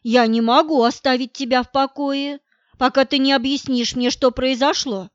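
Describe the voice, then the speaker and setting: A woman's voice: a little high, moderate pace, dry recording, lightly acted. A woman doing a bossy, worried mother. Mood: insistent. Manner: insistent, questioning. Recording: dull dry recording.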